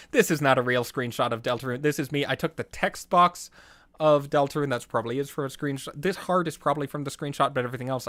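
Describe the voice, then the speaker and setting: A man's voice: medium pitch, dry recording. Rambling man with a dry, close sound. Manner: rambling, trailing off and restarting, with bursts of excitement. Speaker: YouTuber commenting on his own videos. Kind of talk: casual behind-the-scenes commentary.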